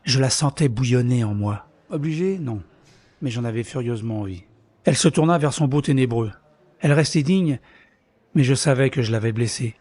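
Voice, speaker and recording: A man's voice: mid-range voice, moderate pace, dry recording, lightly acted. A man narrating his own story in the first person in an audio drama, bitter and introspective. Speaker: narrator and lead character. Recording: soft music underneath.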